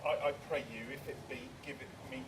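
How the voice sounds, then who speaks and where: A woman doing a very deep, slow-witted workman. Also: fairly even intonation, noisy background. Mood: pleading. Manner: slow and pleading. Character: slow-witted timid craftsman, a grown man.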